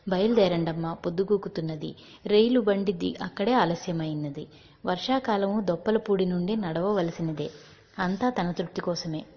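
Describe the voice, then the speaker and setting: A woman voicing an elderly grandfather, weary and impatient, speaking lower and softer, in a dull recording with long reverb. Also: normal speed, husky.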